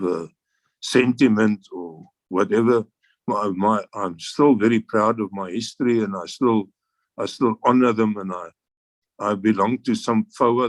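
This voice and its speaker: Fairly low in pitch and free of room sound, the voice comes from an older South African man, an air force veteran guesting on an interview. He reminisces easily and at length, chuckling and starting over often.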